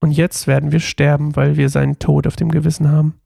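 A man voicing a reproachful eldest brother, read slowly in a gravelly voice. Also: fairly high pitch, flat delivery, mellow, dry recording, studio quality, exaggerated voice.

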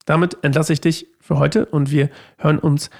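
A man's voice: on the high side, little pitch movement, moderate pace, vocal fry. A man hosting a daily Bible study show, reading scripture aloud and then talking it through in a rambling, chatty way full of fillers. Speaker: Bible study podcast host. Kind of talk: casual Bible commentary.

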